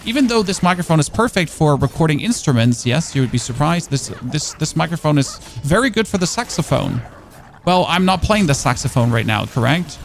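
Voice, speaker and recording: Here a German-native streamer with a gravelly, slightly high voice sounds very animated and brisk, with a bit of background noise. Using a studio dynamic microphone, he rambles through casual gameplay chat, responding to viewers and frequently starting over.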